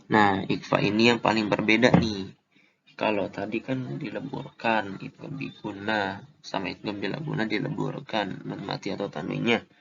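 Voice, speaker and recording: Man, recitation teacher, gravelly low voice, very slow, drawn-out examples, slightly dull lo-fi recording. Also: little pitch movement, noisy background. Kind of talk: casual explanatory lesson.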